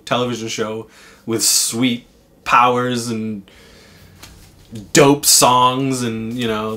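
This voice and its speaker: A man's voice: medium pitch, a bit bright. A man in casual podcast chat, telling a rambling, enthusiastic story and swearing freely. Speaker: podcast regular.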